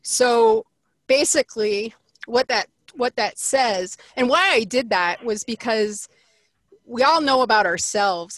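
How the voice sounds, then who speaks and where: A woman's voice: on the high side, a bit bright, no echo. A woman explaining a personality chart to her colleagues in a thoughtful, explanatory way during a casual meeting.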